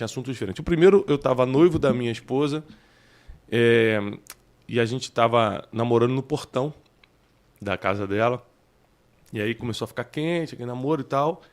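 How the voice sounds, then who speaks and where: A man in his forties with a Brazilian Portuguese accent, hosting a casual interview and telling personal stories, breaking into loud, high bursts at the punchlines. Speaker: host.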